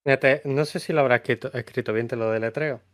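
A man with a Melillan Spanish accent talks in an easygoing way as a podcast co-host and chuckles often. His mid-pitched voice is recorded dry, with no room sound around it. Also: steady tone, quick pace, a bit bright, no echo. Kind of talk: casual chat.

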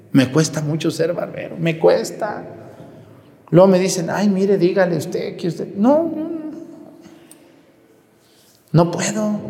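A man preaches at Sunday Mass, blunt and conversational, his voice pitched a little high. The church is echoey, and a long reverb trails behind each phrase. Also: a little mellow. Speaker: priest.

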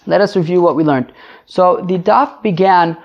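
Talmud teacher, man, gravelly, animated, dull lo-fi recording. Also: moderate pace. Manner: animated explaining, lively pitch jumps for emphasis. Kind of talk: daily Talmud lesson. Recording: dull lo-fi sound.

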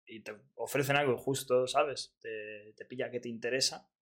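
A man's voice: mid-range voice, steady tone, normal speed. A man bantering as a podcast co-host, teasing and laughing often. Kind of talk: casual chat.

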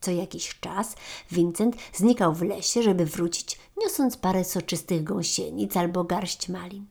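A woman narrating a children's story in a gentle storytelling manner. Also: on the low side, steady tone, measured pace, vocal fry, slightly rough.

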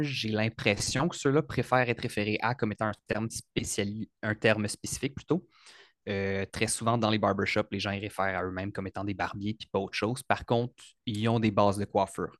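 A man in his thirties with a Quebec French accent, a hairstylist guest talking in a relaxed, hesitant way with fillers. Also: fairly low pitch, moderate pace, no echo, clean studio sound. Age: 30s. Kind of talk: casual interview.

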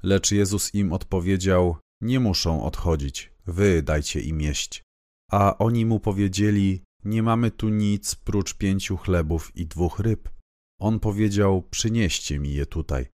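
A man reading scripture aloud in a measured, even, solemn way. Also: sits low, dry recording, clean studio sound. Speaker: Bible reader.

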